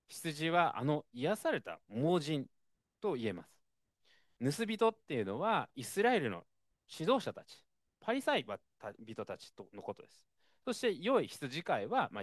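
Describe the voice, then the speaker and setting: A man preaches a sermon in a chatty, expressive manner, sprinkling in fillers. His pitch swings widely and sits a bit high. The recording is dry and close. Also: no room sound. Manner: conversational, expressive, frequent fillers.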